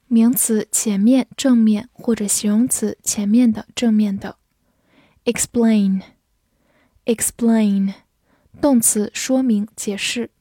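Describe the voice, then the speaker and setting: A woman's voice: a little high, dark tone, no echo, clean studio sound. A woman teaching English vocabulary, saying each word twice and then giving its meanings, in scripted lesson narration.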